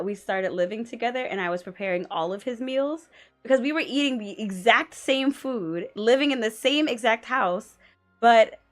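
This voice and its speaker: A woman's voice: on the high side, fairly bright tone, no room sound. A woman in her twenties chatting casually on a stream, rambling and full of filler words, sometimes sleepy. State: sleepy, yawning. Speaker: guest on husband's art stream. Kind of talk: casual chat.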